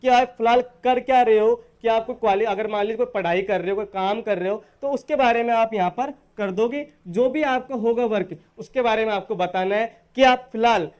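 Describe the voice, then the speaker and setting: A man from Rajasthan teaching spoken English in a recorded online lesson. He is patient, calls his students "beta" and says the English model phrases slowly. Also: high voice, darkish tone, smooth. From Rajasthan, India.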